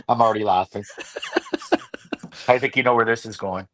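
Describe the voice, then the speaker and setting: A man hosting a sports radio show, telling stories in an animated way and laughing often. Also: lowish voice, normal speed. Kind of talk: casual sports radio chat. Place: radio studio.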